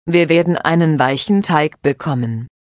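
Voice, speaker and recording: A woman's voice: sits low, moderate pace, dry recording, studio quality, close to an everyday voice. Woman reading a patient, instructive mother. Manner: calm, instructive. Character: patient mother explaining cooking to her children.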